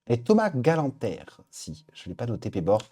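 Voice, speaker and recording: A man's voice: mid-range voice, huge pitch swings, moderate pace, dark tone, breathy edge. A man hosting a live stream, chatting casually as he reads out viewer suggestions. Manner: upbeat, chatty, thinking aloud. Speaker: livestream host.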